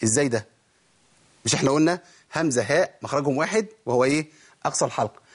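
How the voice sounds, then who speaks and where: A man with an Egyptian accent teaching Quran recitation in a recorded lesson, asking rhetorical questions and drawing out example words slowly to demonstrate them. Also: medium pitch, animated, slightly rough. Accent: Egyptian Arabic.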